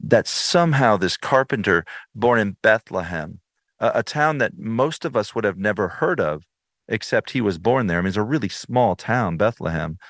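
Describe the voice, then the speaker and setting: A man's voice: fairly low pitch, lively intonation, moderate pace, fairly bright tone, no echo, clean studio sound. A man in his thirties, an interview guest telling his personal story earnestly, with frequent restarts. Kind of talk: personal testimony in conversation.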